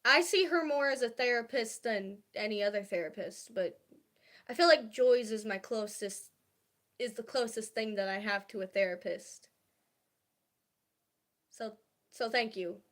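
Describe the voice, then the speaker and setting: Her fairly high voice keeps a measured pace broken by long pauses as this young woman livestreams. She talks casually about her feelings, soft-spoken, confiding, and hesitant, with lots of fillers and restarts.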